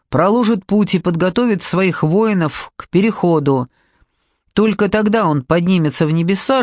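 A man's voice: sits high, no room sound, clean studio sound. A man voicing a surly, dim-witted male troll guard who grumbles and snaps in an audiobook. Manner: snappish, grumbling.

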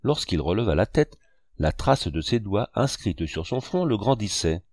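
A man narrating a French novel in a measured literary reading. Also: lowish voice, big pitch swings, a little mellow, dry recording, studio quality.

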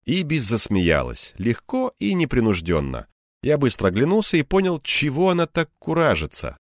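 A man's voice: mid-range voice, huge pitch swings, moderate pace, no room sound, clean studio sound. A man narrating an audiobook in the first person, in a wry, conversational storytelling manner.

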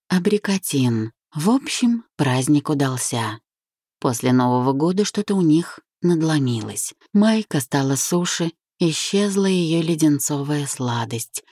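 Low dark-voiced woman reading a novel. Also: no room sound, clean studio sound. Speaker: audiobook reader. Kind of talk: literary audiobook narration.

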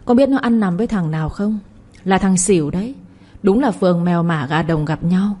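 A woman's voice: lowish voice, a little fast, lightly acted. A woman putting on a raging old mother-in-law. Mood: scornful. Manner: scolding, shouting insults. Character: furious older woman, a harsh domineering mother-in-law.

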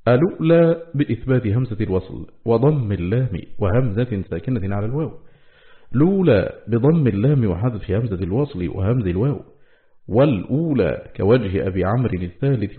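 A man reading a classical scholarly text aloud in a steady, measured way, slowing down on quoted words. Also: on the low side. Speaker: audiobook reader. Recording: tinny phone-like audio.

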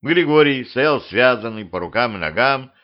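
A man narrating an audiobook in an expressive, measured reading. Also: medium pitch. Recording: dull lo-fi home recording.

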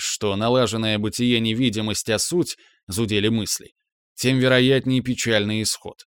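A man's voice: fairly low pitch, dry recording, studio quality. A man reading a novel aloud in the first person, in a wry, inward storytelling manner. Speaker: audiobook narrator. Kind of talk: scripted first-person narration.

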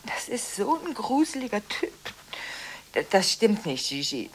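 An actress playing a scattered, jittery woman in a radio drama, stammering through phone calls and swinging between whispers and sudden loud bursts. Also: mid-range voice, sing-song, unhurried, a little hiss or hum. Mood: frightened.

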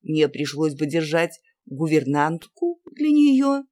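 A reader voicing a cool, dismissive middle-aged aristocratic aunt in an audiobook. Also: female voice, deep voice, very animated, slow, dark tone, heavily acted. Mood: stern.

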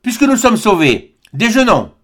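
Man voicing a jovial space traveller, high and jaunty, storybook reading. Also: wildly swooping pitch, moderate pace, full character voice. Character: excited male space traveller, Michel Ardan, jovial and playful. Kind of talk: audiobook reading.

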